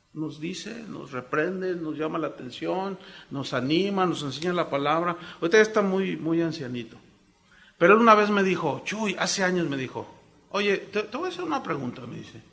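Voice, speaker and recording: Middle-aged pastor guy from mexico, bright sharp voice, acts out the people in his stories. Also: high voice, creaky. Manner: animated storytelling, acts out quoted voices. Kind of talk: sermon. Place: church congress hall.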